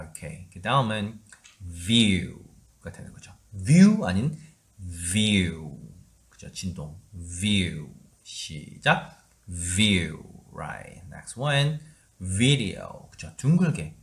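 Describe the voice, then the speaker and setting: A man teaching English pronunciation, leading students through repeat-after-me drills. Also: lowish voice.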